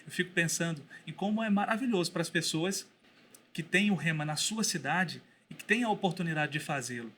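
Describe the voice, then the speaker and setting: A man speaking as a podcast guest and teacher, telling a story in a thoughtful way with pauses and restarts. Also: a little high, fairly bright tone, a little hiss or hum. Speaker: guest, Bible school teacher. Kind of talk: casual podcast conversation.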